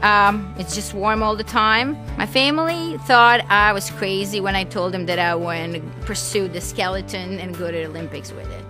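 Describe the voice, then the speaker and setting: A woman's voice: medium pitch, moderate pace, few pauses, music in the background. Woman, 20s, chatty interviewee with a mid-range voice. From Serbia. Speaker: interviewee, aspiring skeleton athlete. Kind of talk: casual interview talk.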